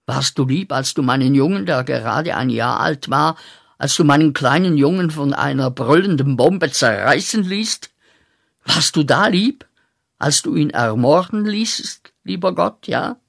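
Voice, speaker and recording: An actor playing a bitter young man back from the war in a radio play, who accuses God in a voice that swings from muttering to shouting. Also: medium pitch, normal speed, vocal fry, few pauses.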